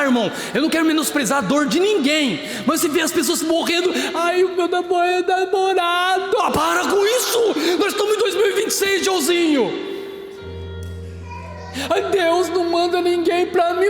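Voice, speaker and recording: A man preaching a lively sermon at a youth prayer group, acting out stories and breaking into shouts. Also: extremely high pitch. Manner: animated, breaks into shouts and acts out scenes. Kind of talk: lively evangelical sermon with storytelling. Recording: echoey hall with faint music.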